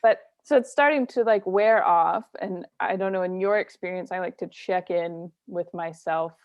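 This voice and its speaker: Comic woman guest, gravelly voice, dull lo-fi sound, laughs through her stories. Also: lowish voice, moderate pace, no echo. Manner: laughs often, acts out quoted voices. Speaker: comedian guest. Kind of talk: casual storytelling.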